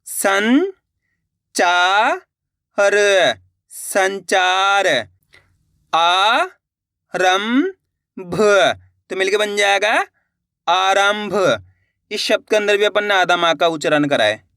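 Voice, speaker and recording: A man's voice: high voice, very slow, long pauses, sharp tone, clean tone, dry recording, clean studio sound. A man teaching a reading lesson, sounding out syllables one by one and blending them into words, encouraging his viewers. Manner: addresses viewers as friends, encouraging.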